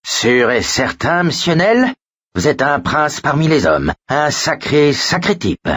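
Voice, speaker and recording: A man voicing a loud, mocking boy who is the class clown, joking and cackling in an audiobook. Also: a little high, big pitch swings, slow pace, no room sound, clean studio sound, pitched above the performer's own voice, heavily acted. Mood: cheeky. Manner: cackling, jokey.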